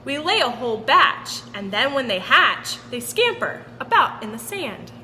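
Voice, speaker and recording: A woman voicing gentle, industrious mother sea turtles in animated sing-song storybook style. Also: high-pitched, measured pace, exaggerated voice. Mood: gentle, busy. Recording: roomy long reverb with background noise.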